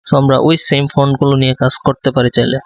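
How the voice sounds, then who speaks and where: A man giving a design tutorial, speaking softly close to the microphone and thinking aloud with many fillers. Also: mid-range voice, little pitch movement, fast, dry recording. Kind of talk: live screen-recorded tutorial.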